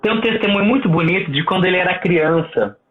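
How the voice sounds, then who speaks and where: A man, a seminarian asking warm, admiring interview questions. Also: high voice, fast. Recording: tinny remote call line.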